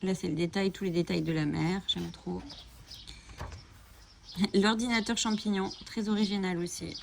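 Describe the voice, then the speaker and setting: A woman's voice: lowish voice, fairly even intonation, normal speed, gravelly, slight background noise. A woman hosting a coloring channel, flipping through coloring books and chatting enthusiastically, with frequent fillers. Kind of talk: casual book flip-through. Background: bird chirping.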